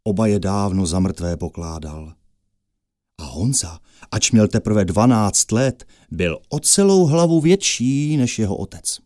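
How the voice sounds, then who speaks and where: A man narrating a fairy tale with lively storytelling that rises with the action. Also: fairly low pitch, dry recording, clean studio sound.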